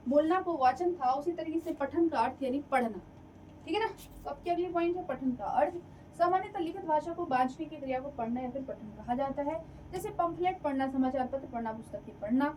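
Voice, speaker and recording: High-voiced woman teaching a lively lecture. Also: far from the mic, a little hiss or hum, low-quality recording. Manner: lively, repeats and checks for understanding. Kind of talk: exam-prep lecture.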